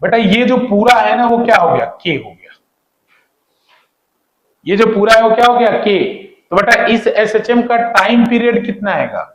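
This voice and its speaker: A man's voice: sits high, animated, normal speed. A man teaching physics in a classroom-style lecture, repeating key points and asking students questions as he goes. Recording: echoey room.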